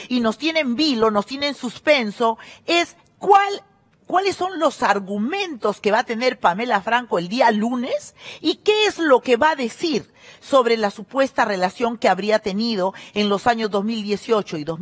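Middle-aged woman hosting a gossip show, high and lively voice, scornful and emphatic. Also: normal speed. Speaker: TV show host.

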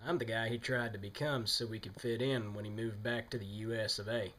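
A man's voice: on the low side, fairly even intonation, brisk, fairly bright tone, a little hiss or hum, natural voice. A man playing a cantankerous Carolina redneck with a Southern American accent, heckling in a crude, folksy way in a comedy sketch. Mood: boastful. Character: brash, cantankerous Carolina redneck good old boy. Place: living room, on a sofa.

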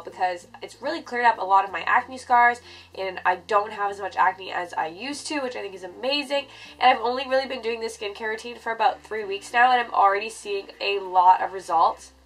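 A woman's voice: mid-range voice, fairly bright tone, rough recording. Young woman with a congested, stuffy nose. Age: 20s. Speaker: beauty vlogger. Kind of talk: casual skincare vlog talk to camera. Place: furnished bedroom, indoors.

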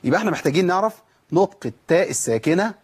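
Fast, husky Egyptian recitation teacher. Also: male voice, high-pitched, expressive. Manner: asks questions and answers them himself; demonstrates sounds by repeating them. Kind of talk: recitation rules lesson.

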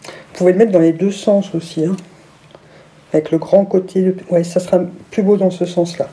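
A woman talks casually through a haul on camera and gushes over everything she shows. Her voice sits low for a woman and has a very dark, mellow tone. She now and then drops into a soft whisper. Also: steady tone, moderate pace. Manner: gushing, enthusiastic, exclamatory. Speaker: vlogger.

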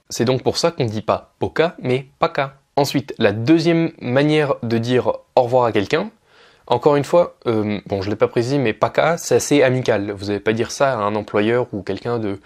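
A man's voice: medium pitch, a little mellow. Young man, language teacher, casual explaining, fillers and restarts. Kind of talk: casual video lesson.

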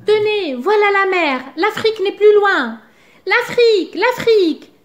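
A woman voicing a boastful, excitable male blackbird in a children's story, squealing and bossy. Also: a little high, measured pace, roomy sound. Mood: excited. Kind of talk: storybook character voice.

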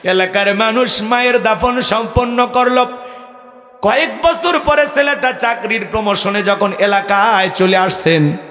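A man's voice: sits high, fairly bright tone. A man preaching an impassioned sermon, telling a story with an emotional, sing-song delivery. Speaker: Islamic preacher. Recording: echoey hall, long reverb.

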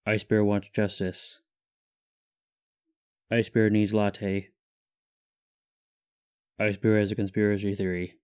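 A man voicing a stoic male bear who talks about himself in the third person in a flat, deep monotone with terse, clipped sentences. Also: slow, long pauses, clear, resonant tone. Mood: deadpan.

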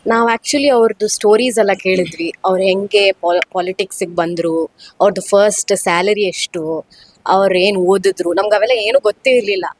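A young woman being interviewed, recalling family memories in a quick, chatty way with English words mixed in. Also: mid-range voice. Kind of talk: casual interview reminiscence.

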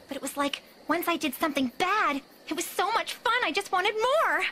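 A woman's voice: very high voice, animated, normal speed, bright, forceful tone, slight background noise, full character voice. A woman voicing a prim but feisty teenage girl in a cartoon, giggly and emphatic, with music underneath. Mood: sly. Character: prim, feisty teenage girl camper turned giddy rebel. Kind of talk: animated cartoon acting.

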